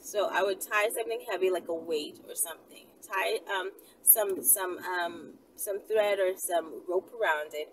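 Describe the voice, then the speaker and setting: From inside a car parked by a street in daytime, a vlogger and channel host rambles through an unscripted chat with viewers, musing aloud and asking rhetorical questions. Her voice runs low and measured, with hardly any pauses, and the arm's-length camera makes her sound slightly distant amid faint car noise.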